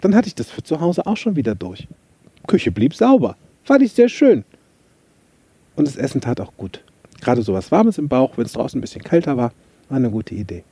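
A man's voice: mid-range voice, big pitch swings, fairly quick, mellow, slightly rough, no echo. A man hosting a podcast, chatty and self-mocking as he tells a story and gives motivational tips. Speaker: podcast host, coach. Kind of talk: casual motivational podcast monologue.

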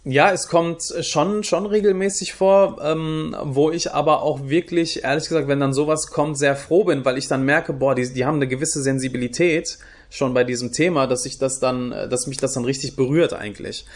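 Thoughtful man, halting interview answers. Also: mid-range voice, fairly even intonation. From Germany. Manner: thoughtful, many fillers and restarts. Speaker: guest, youth project leader.

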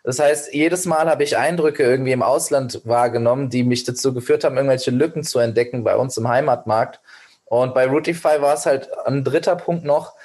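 A young startup founder in his twenties, from Germany with Persian as his first language, guests on a podcast interview and gives long, earnest answers full of fillers and restarts. His mid-range voice is fairly quick, a little mellow and slightly rough.

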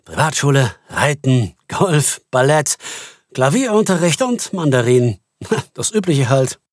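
A man's voice: medium pitch, sing-song, measured pace, dry recording, clean studio sound, voice pushed up. A man doing a smug, eager bank finance chief. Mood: proud. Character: proud, self-satisfied male bank finance chief.

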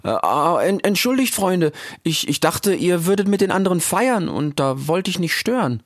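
A man doing a stammering, squeaky young meerkat. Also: sing-song, moderate pace, no room sound, clean studio sound. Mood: nervous. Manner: stammering, hesitant. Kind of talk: audiobook character voice.

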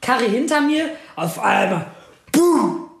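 A man's voice: high voice, lively intonation, fast talker. A young man casually telling a long story in slangy, rambling chat, full of tag questions and "so I was like". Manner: rambling, slangy, lots of "ne?" and "ich so". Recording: roomy echoey sound.

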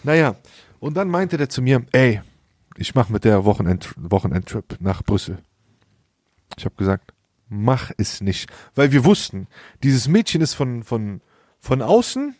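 A man's voice: mid-range voice, very animated, normal speed, darkish tone, no room sound. Young man, podcast host, slangy storyteller who laughs a lot, dry close sound. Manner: slangy, laughs often, acts out quoted dialogue. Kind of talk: casual storytelling chat.

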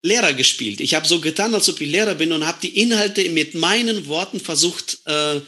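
Guy teaching comp sci, chatting, bright voice, a bit high, lots of little examples. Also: normal speed. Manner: explains with everyday examples, animated. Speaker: computer science lecturer. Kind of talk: casual conversation.

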